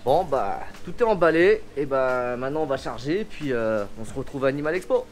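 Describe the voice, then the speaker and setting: A man's voice: mid-range voice, lively intonation, a little fast, a little hiss or hum. A young man, a reef aquarium YouTuber, chatting casually and upbeat with many hesitations as he vlogs in a shop and a park. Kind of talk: casual vlog chat.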